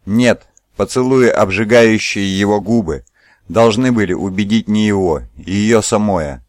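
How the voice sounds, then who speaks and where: Male narrator, audiobook, low voice, steady measured reading, dry close recording. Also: no room sound.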